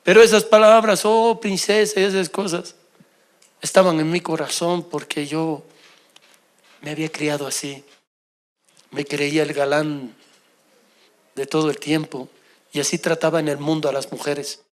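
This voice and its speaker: A middle-aged man preaching an emotional sermon as pastor, swinging between loud exclamations and soft confessional tones. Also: on the high side, fairly even intonation, measured pace, long pauses.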